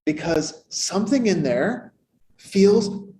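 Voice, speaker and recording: A man giving a sermon as minister, in a conversational, playful way with animated asides. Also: sits high, slow pace, a little hiss or hum, poor audio. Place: church sanctuary.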